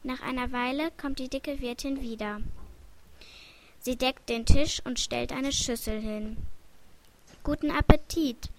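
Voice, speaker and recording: Slow-reading woman with a fairly high voice. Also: fairly even intonation, a little hiss or hum. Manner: slow, careful, with small slips and restarts. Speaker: story reader. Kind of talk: reading a children's book aloud.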